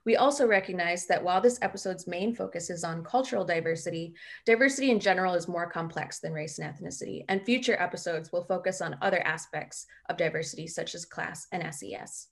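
A woman introduces the episode in a low voice with some vocal fry. She reads her script in a steady, measured way. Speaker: podcast host.

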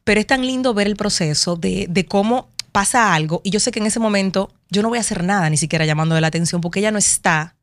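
A middle-aged woman with a Dominican accent, a broadcaster speaking as a guest and telling animated stories about raising her daughters, acting out what each person said. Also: mid-range voice, fast talker, few pauses, dry recording. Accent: Dominican Spanish. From Dominican Republic. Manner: animated storytelling, acts out quotes. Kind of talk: conversational interview.

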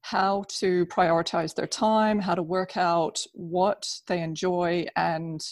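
A woman speaking as an interview guest, explaining things conversationally in an agreeable, measured way. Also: fairly low pitch, fairly even intonation, dry recording, clean studio sound. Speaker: interview guest, business process consultant.

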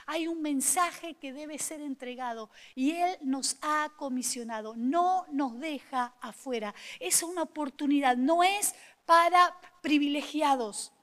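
A woman with a Rioplatense accent gives a sermon, telling her own story with lively, playful asides to the listeners. Her voice sits high. The sound rings with the long reverb of a church hall. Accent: Rioplatense Spanish. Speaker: pastor's wife preaching. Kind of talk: sermon with personal testimony.

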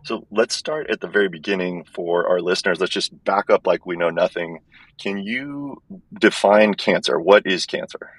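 Male podcast interviewer, deep register, conversational delivery, thin metallic tin-can tone from an earbud mic. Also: very animated, normal speed, creaky, a bit bright, breathy edge, no room sound. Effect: thin, tinny, tin-can sound. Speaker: podcast host. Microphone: wireless earbuds. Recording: tinny earbud microphone audio.

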